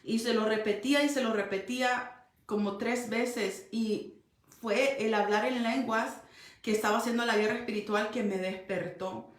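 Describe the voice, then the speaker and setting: A woman's voice: on the high side, fairly even intonation, moderate pace, echoey room. A woman pastor giving an earnest sermon, recounting a dream as testimony. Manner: earnest storytelling preacher.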